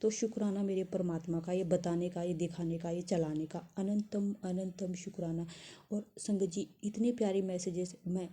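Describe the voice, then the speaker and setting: A woman's voice: fairly low pitch, steady tone, normal speed, hardly any pauses, mellow, slightly rough. A woman in her thirties earnestly telling a devotional testimony, rambling with many restarts and fillers.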